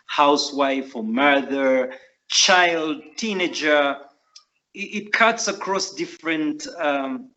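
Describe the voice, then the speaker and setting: A middle-aged man with a Ugandan accent answers questions in an earnest, reflective way, often pausing with "uh" and "um." His voice sits at a middling pitch. The recording sounds muffled and lo-fi. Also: fairly bright tone. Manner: earnest, reflective, frequent fillers. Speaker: guest author. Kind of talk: interview answers. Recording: muffled lo-fi audio.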